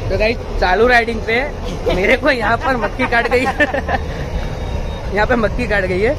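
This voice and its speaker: Young male moto vlogger, high-voiced and chatty, recorded on the move through heavy road noise. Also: a little slow, crowd noise. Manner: chatty, addresses viewers as guys. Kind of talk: casual moto vlog narration. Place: riding a motorbike outdoors on roads. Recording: loud road and traffic noise.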